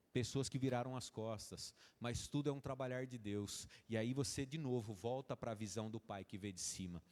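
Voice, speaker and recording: Brazilian pastor preaching in a reverberant church. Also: male voice, medium pitch, a little mellow. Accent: Brazilian Portuguese. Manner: folksy, acts out dialogues between father and children. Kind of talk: sermon.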